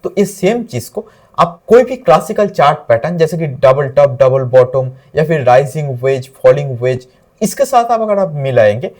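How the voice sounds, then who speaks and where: A man's voice: fairly high pitch, very animated, moderate pace, a little mellow. A man teaching trading, walking through chart examples and mixing English terms into Hindi speech. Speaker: trading instructor.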